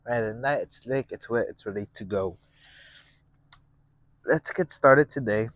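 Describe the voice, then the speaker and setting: A man hosting a painting lesson, talking through each step casually in a gentle, encouraging manner. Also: medium pitch, a little slow, no room sound. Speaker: painting instructor and show host.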